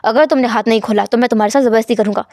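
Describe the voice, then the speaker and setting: A woman performs the part of a young husband in a fan fiction story, making him cold, teasing and dominant while speaking low, calm and insistent. Her delivery is rapid-fire and lightly acted, with slight background noise.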